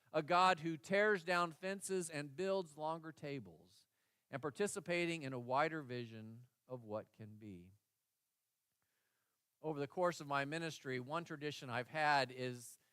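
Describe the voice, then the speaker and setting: A middle-aged man with a fairly high voice, preaching an earnest sermon in a church. The sound is close and dry, with almost no echo. He tells a story plainly and warmly. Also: clear, resonant tone. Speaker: pastor. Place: church sanctuary.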